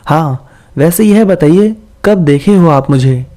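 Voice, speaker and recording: A man's voice: fairly high pitch, expressive, slow pace, warm tone, voice pushed up. A man voicing a friendly, amused young office worker who talks in a light, teasing, polite way. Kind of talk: storybook character voice.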